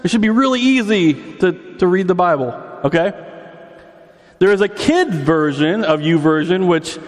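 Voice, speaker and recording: A man's voice: sits high, lively intonation, moderate pace. A man in his forties preaching a sermon in a church hall, chatty and quizzing the congregation, his voice echoing through a big hall. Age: 40s. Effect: big hall echo. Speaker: pastor. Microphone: PA microphone. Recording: reverberant hall.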